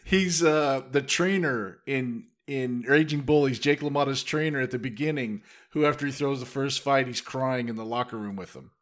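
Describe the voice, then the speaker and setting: A man's voice: mid-range voice, normal speed, hardly any pauses. A man co-hosting a podcast in a casual film discussion, laid-back and often laughing as he tells anecdotes. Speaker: podcast co-host.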